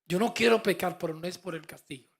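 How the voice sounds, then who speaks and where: A male pastor preaching a fervent sermon, swinging from soft asides to emphatic calls. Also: sits high, fast talker, creaky, breathy edge.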